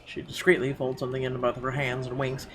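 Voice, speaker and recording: This let's-play host talks fast, his mid-range voice a bit bright but utterly flat in delivery. He stumbles while reading the narration and slips in sarcastic comments.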